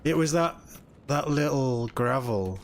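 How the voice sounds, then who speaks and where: A young man live-streaming a video game, chatting excitably with viewers and reacting as he plays. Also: medium pitch, slow, slight background noise. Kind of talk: casual live-stream chat.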